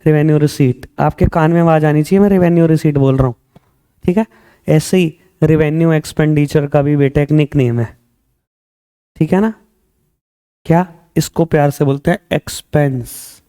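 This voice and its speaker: A man teaching an accounting class, quizzing his students with quick questions and slowing down to stress English definitions. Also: fairly high pitch, dark tone, clear, resonant tone. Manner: mixes Hindi with English terms, slow stressed definitions. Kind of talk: classroom lecture.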